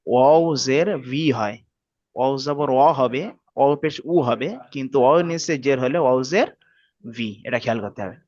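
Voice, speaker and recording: A man teaching Quran reading, slowly spelling out letters and vowel marks and often checking that his students follow. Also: mid-range voice, darkish tone, no echo, lo-fi sound. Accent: Bangladeshi Bengali. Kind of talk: slow spelled-out recitation lesson.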